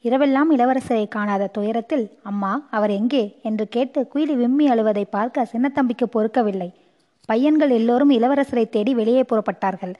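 A woman reading a story aloud as an audiobook narrator, with steady, expressive narration. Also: a little high, normal speed, muffled recording.

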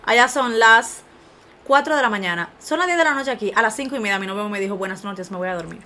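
A young woman, co-hosting a casual chat and telling animated stories to her listeners. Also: mid-range voice, fast talker, slight background noise. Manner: animated storyteller, addresses listeners as "señores".

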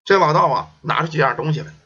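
A man telling a folk ghost story in a lively, colloquial storytelling manner. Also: on the high side, fast talker, breathy edge. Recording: dull lo-fi recording.

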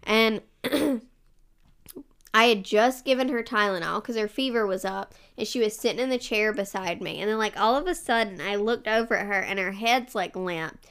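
A young woman co-hosting a podcast, chatting casually and acting out her toddler's voice in high squeals as she tells family stories. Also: normal speed, a bit bright, clear, resonant tone. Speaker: podcast co-host. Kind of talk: casual chat.

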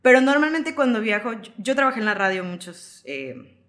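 A young woman from Yucatán, Mexico, a content creator chatting in an interview, with a softened Yucatán accent, laughing often and acting out quoted dialogue. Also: on the high side, very animated, moderate pace. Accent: Yucatán Spanish, softened. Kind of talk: casual interview chat.

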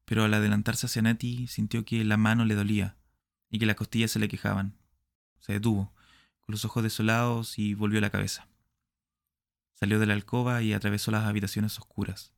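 A man reads a short story aloud with a deep, gravelly voice. His delivery is measured and dramatic, in the manner of audiobook narration. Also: level tone, no echo, clean studio sound.

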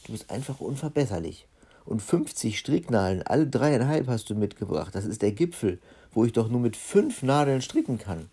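A man's voice: mid-range voice, big pitch swings, normal speed, warm tone, slightly rough. A man voicing a tiny, nagging woman from a storybook who scolds her robber husband. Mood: scolding.

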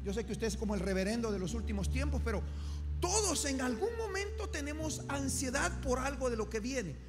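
A man preaching a sermon to a congregation, fervent and full of call-and-response, with shouted peaks and joking asides. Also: extremely high pitch, very animated, brisk. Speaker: pastor. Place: church service before a congregation. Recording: music playing behind the preaching.

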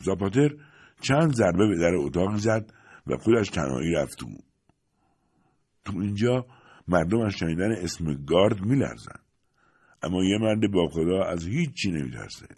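Deep husky male storyteller. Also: pauses often. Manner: expressive storytelling. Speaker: narrator. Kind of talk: scripted audiobook narration.

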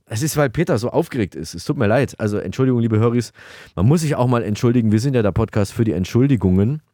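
A man's voice: mid-range voice, animated, fast talker, mellow, no echo, clean studio sound. A man co-hosting a comedy podcast, talking in a flustered, rambling way with many restarts. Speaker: podcast co-host.

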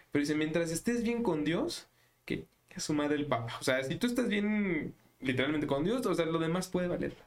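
A podcast host asking winding, thoughtful questions in a casual interview, often rephrasing mid-sentence. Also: mid-range voice.

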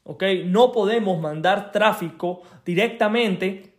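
Man, high voice, blunt tough-love coach, chatty, keeps asking "ok?". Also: slow pace. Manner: chatty, laughs between points. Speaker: network marketing coach. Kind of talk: direct-to-listener advice talk.

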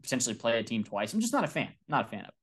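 Animated man talking college football. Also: medium pitch, rapid-fire, slightly rough. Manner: animated, many fillers and restarts. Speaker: podcast co-host. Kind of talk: casual sports talk.

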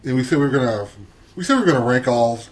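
A man co-hosting a casual sports podcast, relaxed and hesitant with many filler sounds as he runs through a list. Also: mid-range voice, very fast. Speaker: podcast co-host.

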